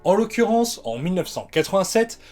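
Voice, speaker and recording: A high-pitched male voice with a French accent, reading a casual documentary script. His delivery is lively and swings widely in pitch, with wry jokes slipped in. Soft music plays underneath. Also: a little fast. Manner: wry, sarcastic asides. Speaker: YouTube film documentary narrator.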